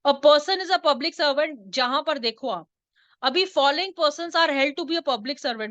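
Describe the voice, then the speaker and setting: A woman's voice: high voice, sharp tone, dry recording, lo-fi sound. A woman teaching a law class, mixing English terms into her explanations and quizzing her students. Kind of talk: online law lecture.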